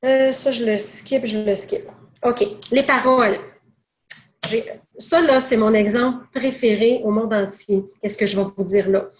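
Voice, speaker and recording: A woman leads a sales training session in a slightly high voice. She talks conversationally, restarting phrases and adding fillers as she goes. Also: steady tone, a little slow, roomy sound. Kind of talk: training seminar talk.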